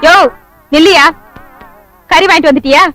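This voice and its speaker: A woman's voice: very high voice, normal speed, a bit bright, faint music behind. An actress playing an exasperated wife who scolds her drinking husband in a film comedy scene. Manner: nagging, scolding.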